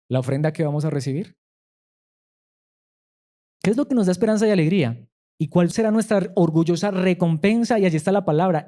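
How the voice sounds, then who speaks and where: A man's voice: on the high side, dark tone. A man pastor, preaching a sermon emphatically and asking his listeners rhetorical questions.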